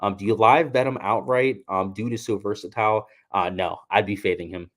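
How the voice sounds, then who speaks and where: A chatty young man with a slightly low voice talks golf picks in a loose, casual way. He tells stories and laughs at himself as he goes. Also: fairly even intonation, fairly quick. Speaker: golf betting channel host. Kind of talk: casual talk.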